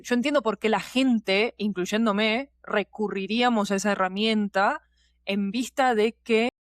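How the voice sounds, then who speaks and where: Recorded in studio quality with no room sound, a woman with a mid-range voice and a Rioplatense Spanish accent gives her opinions. She's an audio fiction producer guesting on a podcast, chatting casually with plenty of slang and conversational tags.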